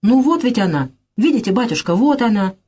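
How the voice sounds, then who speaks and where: A woman's voice: on the high side, very animated, brisk, mellow, breathy edge, voice pushed up. A woman reading the part of a fussy older aunt who chides and fusses. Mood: chiding. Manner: fussy, chiding.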